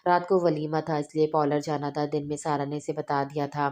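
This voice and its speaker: A woman narrating a novel aloud in a steady, measured reading with small restarts. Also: deep voice. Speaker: novel reader. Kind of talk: audiobook narration.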